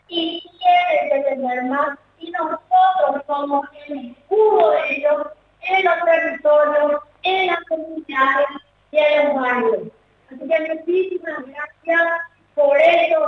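A high-pitched woman delivers a formal, emphatic ceremonial speech. She sounds distant from the microphone, her voice washing through a large echoing theater. The recording is muffled and dull. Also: slight background noise. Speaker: vice minister giving a speech. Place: theater auditorium. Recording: echoey hall, far from mic, dull.

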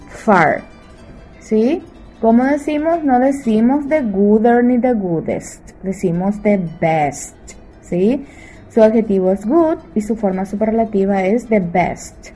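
Slow, mellow woman teaching English. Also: medium pitch, slightly rough, low-quality recording. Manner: checks in with frequent "¿sí?"; slow English examples, quicker Spanish explanations. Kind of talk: bilingual grammar lesson.

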